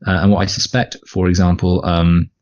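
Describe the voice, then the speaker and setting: A man with a fairly low voice talks quickly and loosely, circling back on his points and restarting sentences as he goes. The audio is dull and lo-fi, like a home podcast recording. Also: little pitch movement, darkish tone. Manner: rambling, many restarts and fillers. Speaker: podcast co-host. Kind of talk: casual chat.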